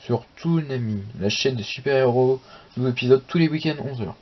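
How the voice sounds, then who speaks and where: A young man hosting a manga channel who chats casually while flipping through a magazine. He rambles, talks to himself and swears lightly, and the recording is slightly dull with a steady hiss. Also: mid-range voice, a little fast. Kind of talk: casual unboxing chat.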